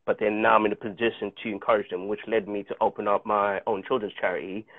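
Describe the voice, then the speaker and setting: This casual interview guest is an actor in his thirties from South Africa whose first language is Chichewa, joining by video call from a home room with an earphone mic. He talks fast in a lowish, level voice, telling stories in an earnest, reflective way with frequent restarts. The sound is tinny and dry, like a phone call.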